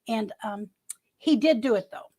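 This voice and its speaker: Reading viewer comments and chatting from home, a woman in her early sixties hosts a casual livestream, rambling and frequently starting her sentences over. Her voice is fairly high and dark in tone, with a measured pace.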